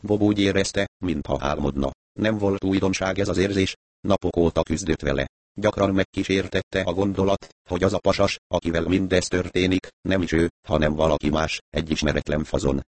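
A man narrates an audiobook with a very low, deep voice. His reading is steady and even. The sound is close and dry, with no room around it. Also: no echo. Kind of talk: scripted narration.

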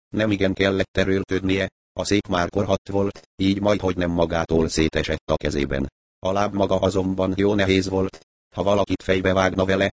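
Deep-voiced man narrating an audiobook. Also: dry recording.

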